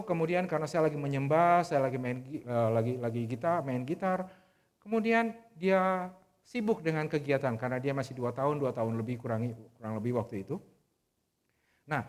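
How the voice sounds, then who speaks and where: A middle-aged man preaching a sermon, telling a personal story in an earnest, conversational way with frequent restarts. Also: fairly high pitch. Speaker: pastor. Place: church service.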